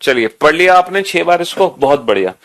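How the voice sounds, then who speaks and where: Male teacher, exam-prep lecture, repetitive drilling, fairly high voice, gravelly. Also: expressive, a little fast, fairly bright tone. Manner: repetitive drilling instructions, calls students beta.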